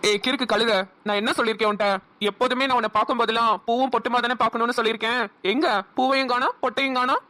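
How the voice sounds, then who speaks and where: A woman's voice: a little high, fairly even intonation, very fast, loud music behind the voice, lightly acted. A woman voicing a devoted young village man in a cartoon, earnest and protective. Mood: scolding. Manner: earnest and pleading, scolds then reassures. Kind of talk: cartoon dialogue acting.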